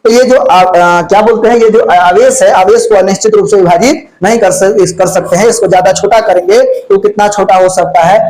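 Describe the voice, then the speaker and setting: A man's voice: high voice, darkish tone, poor audio. A man teaches physics for board exams. He talks in a folksy, chatty way and throws questions at his students before answering them himself. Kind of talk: exam-prep lecture. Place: classroom with lights on, insects flying around.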